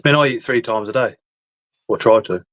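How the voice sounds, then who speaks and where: A man's voice: mid-range voice, fairly quick, fairly bright tone, dry recording. Chatty man, dry close sound. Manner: chatty, swears casually, tells stories. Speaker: stream host. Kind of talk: casual chat on a live stream.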